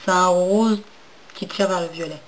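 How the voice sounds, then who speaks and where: A woman's voice: fairly low pitch, moderate pace, poor audio. A young woman chatting casually in a makeup haul video, hesitant with many fillers and restarts, and enthusiastic about packaging. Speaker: beauty vlogger.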